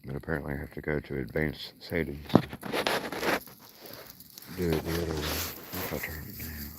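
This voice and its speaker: In a noisy outdoor recording made on a handheld phone, a man with a very deep voice chats by a nighttime fire for his livestream. His Appalachian accent and rural, folksy talk come through in a flat delivery at normal speed.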